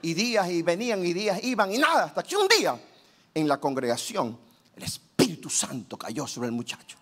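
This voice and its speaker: Lively high-voiced male preacher. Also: a little fast. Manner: animated storytelling, shouting praise. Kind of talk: sermon.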